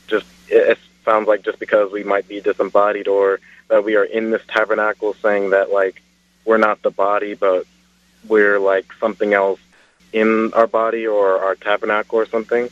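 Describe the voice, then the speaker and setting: A man's voice: lowish voice, flat delivery, moderate pace, no echo. A man calling in to a radio show over a phone line, asking his question hesitantly and searching for words with many fillers. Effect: caller heard over a phone line.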